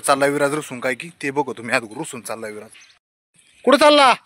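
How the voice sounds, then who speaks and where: A man's voice: mid-range voice, quick pace, a bit bright. A man, vlogging casually while scolding and coaxing a small child at home. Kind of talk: casual family vlog chatter.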